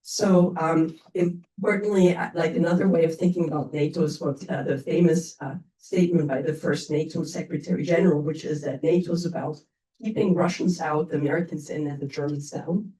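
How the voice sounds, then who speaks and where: A woman panelist with a stuffy, cold-affected voice gives an explanatory talk. Her tone is soft-edged and dark, picked up at a distance in an echoey room. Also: low voice, steady tone, a little fast. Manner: explanatory, often checking with "right?". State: stuffy voice from getting over a cold. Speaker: panelist, security expert. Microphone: only microphone among the speakers.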